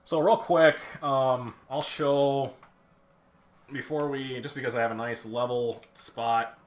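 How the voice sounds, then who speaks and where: Steady in tone and slow in pace, this man's mid-range voice carries a casual live stream where he restores pinball machines and shows a playfield close-up during a teardown. He wanders off track, stumbles through fillers and restarts, and makes self-deprecating remarks.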